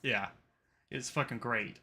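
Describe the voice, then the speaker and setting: A man's voice: mid-range voice, slow pace, creaky, sharp tone. A man hosting a casual podcast, rambling with lots of fillers and swearing freely. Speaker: podcast host. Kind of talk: casual chat.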